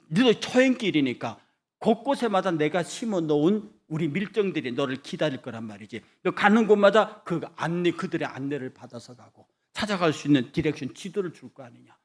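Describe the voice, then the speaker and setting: A man, a pastor, preaching a sermon and telling a story in which he acts out both sides of a conversation, swinging from quiet asides to loud, emphatic preaching. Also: on the high side. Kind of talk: sermon with acted anecdote. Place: church sanctuary.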